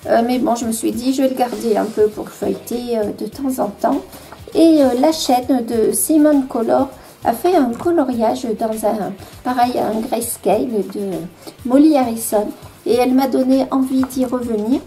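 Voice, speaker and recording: Une femme à l'accent français présente ses livres de coloriage chez elle, sur un ton détendu, avec beaucoup d'hésitations et des « euh » fréquents. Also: female voice, a little high, moderate pace, dark tone. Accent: French. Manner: hesitant, many fillers, self-deprecating. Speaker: vlogger showing her coloring books. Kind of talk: casual show-and-tell.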